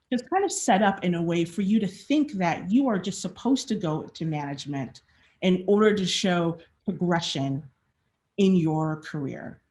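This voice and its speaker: A woman's voice: fairly low pitch, a little mellow. A woman giving a conversational presentation at a design meetup. She speaks frankly, with frequent fillers and restarts, and acts out quoted questions along the way.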